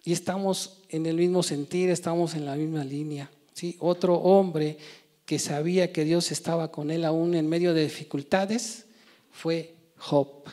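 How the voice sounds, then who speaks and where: Man preaching, a bit higher voice. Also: steady tone, measured pace, dark tone. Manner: emphatic with frequent rhetorical "¿sí?" and "hermanos". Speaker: church preacher. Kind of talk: sermon.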